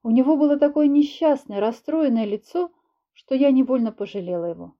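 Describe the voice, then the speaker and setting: A woman narrating a first-person audiobook in a lively, expressive reading, in a dull lo-fi recording. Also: sits high, fairly quick. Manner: lively, expressive reading with raised shouted quotes.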